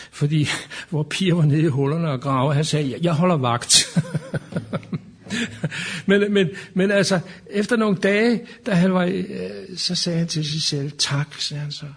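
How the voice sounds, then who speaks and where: Husky-voiced man preaching with fervor. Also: a little high. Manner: impassioned, building to fervent proclamation. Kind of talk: sermon.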